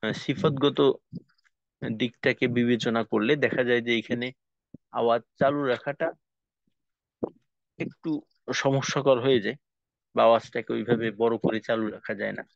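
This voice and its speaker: A man's voice: medium pitch, fairly even intonation, gravelly, no echo. A man teaching Quran letter pronunciation in a recorded class, explaining each step and then drilling the sounds over and over. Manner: slow, explains steps, then demonstrates sounds in repeated drills. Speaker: tajweed teacher. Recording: dull lo-fi sound.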